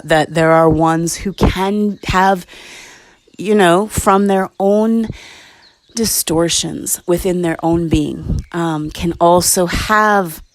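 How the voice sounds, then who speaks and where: A woman with a lowish voice tells a spiritual story in a casual, meandering way, circling back with fillers and restarts. The sound is dry and close, with no room sound. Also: no echo. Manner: rambling, reflective, many fillers and restarts. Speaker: spiritual talk show host.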